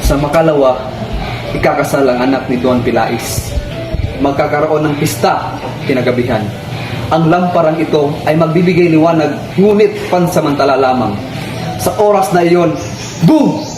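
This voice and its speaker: A man's voice: on the high side, moderate pace, over music, close to an everyday voice. A man playing a stern scheming revolutionary. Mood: plotting. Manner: intense, commanding, urgent. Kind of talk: amateur student stage drama. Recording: echoey room with background noise.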